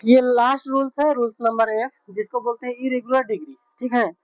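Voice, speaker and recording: A woman teaching English grammar slowly, spelling words out and checking in often with her students. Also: a little high, fairly even intonation, dry recording, soft background music. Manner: slow, repetitive, spells words out letter by letter with frequent check-ins. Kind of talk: classroom grammar lesson. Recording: dull, muffled lo-fi sound.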